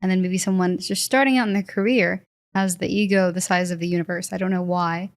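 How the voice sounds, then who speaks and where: A woman hosting an interview, chatty and quick to laugh in casual conversation. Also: lowish voice, fairly even intonation. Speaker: podcast host.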